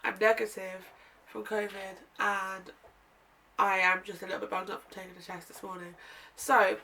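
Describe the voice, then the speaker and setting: Speaking at a normal pace in a level, mid-range voice, a British vlogger in her twenties chats casually to camera from her seat. She rambles and self-corrects, and her tone is pushed and bright yet bunged up and nasal. Slight background noise and faint room ambience come through a distant mic.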